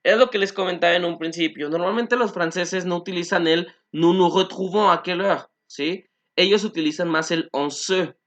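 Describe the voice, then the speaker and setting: A man teaching a French lesson, repeating phrases slowly and translating them, with many "este" fillers. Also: sits high, fairly bright tone. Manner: frequent "este" fillers, asks "¿no?" and "¿sí?". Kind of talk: online language lesson.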